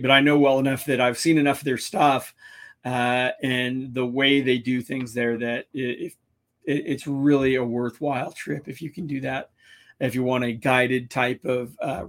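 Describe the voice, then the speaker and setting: A man hosts a casual live stream, talking in a loose, rambling way. He stops and restarts his sentences often. His voice is a bit hoarse, as if he is losing it. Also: medium pitch, steady tone. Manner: rambling, halting, with many restarts. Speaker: kayak fishing show host.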